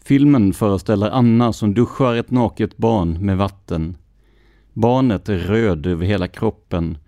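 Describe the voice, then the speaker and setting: A man hosting a true crime podcast, reading police records in a measured, scripted narration. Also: lowish voice, dark tone, no echo, muffled recording. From Sweden.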